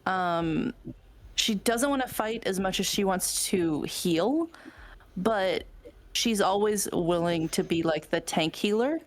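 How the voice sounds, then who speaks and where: A woman's voice: mid-range voice, takes it slowly. A woman roleplay player talking through her character's goals out of character, hesitant and full of fillers and restarts. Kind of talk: out-of-character planning chat.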